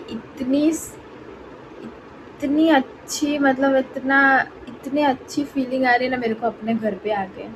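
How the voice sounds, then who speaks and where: A woman vlogger talks casually into her phone, breaking into cooing baby talk for her dog. Her voice sits a little high. The audio is dull and lo-fi, with a clear bed of household noise behind her. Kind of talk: casual vlog chat.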